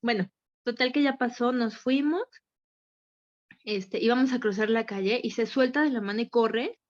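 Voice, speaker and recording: A woman's voice: a little high, normal speed, lo-fi sound. Overwhelmed woman telling a story. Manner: candid, rambling, acts out quotes. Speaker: group participant. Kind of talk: personal account in group session.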